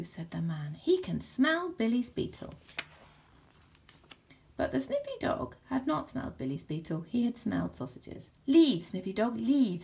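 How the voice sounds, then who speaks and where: Animated woman reading a picture book. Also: on the low side, vocal fry. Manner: animated, expressive. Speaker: storybook reader. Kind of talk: children's story read-aloud.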